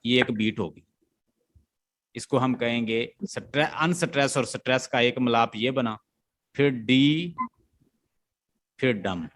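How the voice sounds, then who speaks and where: A man's voice: medium pitch, a bit bright. A male literature teacher lecturing a class, explaining step by step, chanting stress beats aloud and often checking that the students follow.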